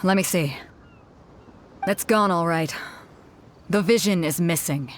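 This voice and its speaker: A woman's voice: on the low side, takes it slowly, a little hiss or hum. An actress playing a bold female ship captain in a video game, announcing a tournament in a commanding, showy manner. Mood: brisk.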